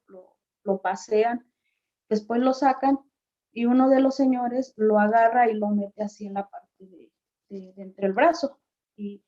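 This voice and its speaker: A woman tells a personal story at a presentation, halting often on filler words and acting out the voices of people in her account. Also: a little high, mellow. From Mexico. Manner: unhurried, halting, with frequent filler pauses and reported dialogue. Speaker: community speaker. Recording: slightly dull lo-fi recording.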